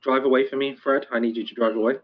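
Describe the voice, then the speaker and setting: A man playing a police superior in a game roleplay, measured and firm yet apologetic. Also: mid-range voice, little pitch movement, lo-fi sound.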